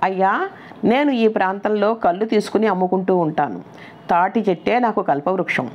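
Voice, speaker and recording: A woman's voice: mid-range voice, normal speed, darkish tone, a little hiss or hum, natural voice. A woman voicing a man who sells toddy, cunning and pleading, in a devotional story reading. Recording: dull lo-fi recording.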